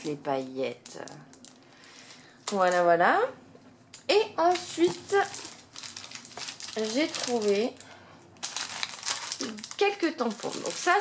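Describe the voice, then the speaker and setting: A woman's voice: mid-range voice, background noise. A woman vlogging casually about her craft purchases, chatty and hesitant, with frequent filler sounds. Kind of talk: casual haul chat to camera.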